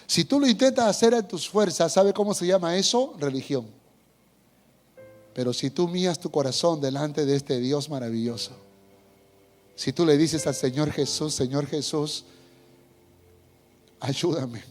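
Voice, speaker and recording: Pastor guy, middle-aged, preaching with lively stories, voice a bit high. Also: normal speed, soft background music. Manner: animated storytelling, acts out voices, asks the congregation. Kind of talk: sermon.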